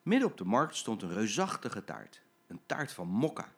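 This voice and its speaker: An older man, a grandfather, reading a children's story aloud in an expressive storytelling manner. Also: lowish voice, normal speed, breathy edge.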